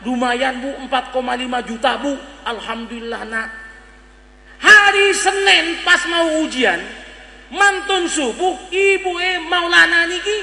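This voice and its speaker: A man preaching a humorous storytelling sermon at a large gathering, joking with the audience. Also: extremely high pitch. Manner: lively storyteller, jokes with the audience. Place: large hall at a reunion gathering. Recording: echoey hall.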